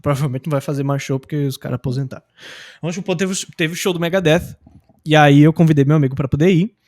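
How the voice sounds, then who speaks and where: A young adult man from Brazil gives a casual, slang-filled lesson on learning English. His voice sits fairly high. He talks with lots of energy and keeps acting out example phrases. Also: fast, darkish tone. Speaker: English teacher. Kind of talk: casual teaching talk.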